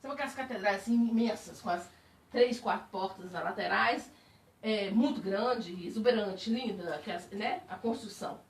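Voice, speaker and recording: A woman speaking as a spiritist, giving a personal testimony to a group in animated storytelling. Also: mid-range voice, moderate pace. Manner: animated storytelling, laughing while recalling. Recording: echoey room, distant mic.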